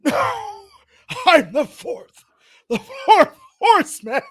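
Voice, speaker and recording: A man voicing a hoarse, shrieking male fourth horseman in a comedic podcast skit. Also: very high-pitched, big pitch swings, slow, pitched above the performer's own voice, exaggerated voice. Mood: shrill. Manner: loud shrieking bursts.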